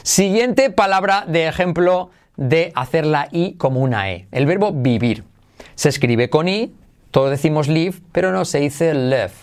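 An energetic man teaches pronunciation on a podcast, repeating each example word slowly and deliberately. His voice sits a little higher than most men's. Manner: energetic, drills words by slow repetition.

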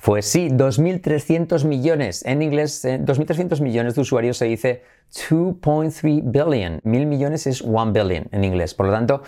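Energetic bilingual teacher. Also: male voice, mid-range voice, moderate pace, hardly any pauses. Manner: energetic, repeats drill phrases, switches between Spanish and English. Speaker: English teacher, channel host. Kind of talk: bilingual English pronunciation lesson.

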